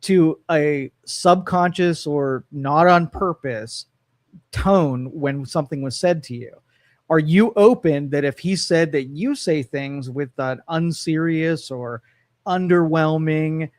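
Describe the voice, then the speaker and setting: A man's voice: fairly high pitch, dry recording. A middle-aged man co-hosting a casual live talk show, thinking aloud with frequent restarts. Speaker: podcast co-host.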